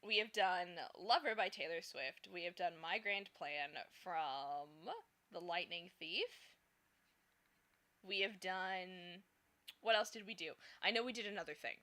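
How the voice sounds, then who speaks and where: A woman's voice: fairly low pitch, measured pace, bright, forceful tone. A woman chatting casually on a live stream, rambling with lots of fillers and laughing often, and sometimes slipping into a slight lisp. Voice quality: slips into a slight lisp at times. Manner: rambling and giggly, many fillers.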